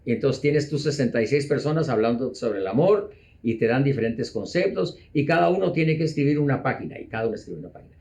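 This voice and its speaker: Measured, mellow-voiced man explaining. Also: mid-range voice, animated, gravelly. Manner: measured, repeats words, slows for emphasis. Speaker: interview guest. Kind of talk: conversational explaining.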